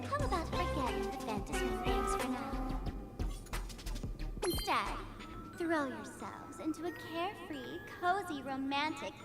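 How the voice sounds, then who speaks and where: A woman voicing a smug, playful young streamer who schemes as a school dean, teasing and theatrical in a game. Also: very high-pitched. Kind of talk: theatrical scripted game voice acting. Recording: voice over loud game music.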